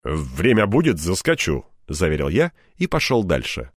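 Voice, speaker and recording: A man reads a first-person audiobook in a low voice with lively, wide-ranging intonation. His delivery is wry, turning grumbly in the hero's lines. The recording is dry and close. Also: normal speed, no echo. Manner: wry, grumbling when in character. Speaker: audiobook narrator.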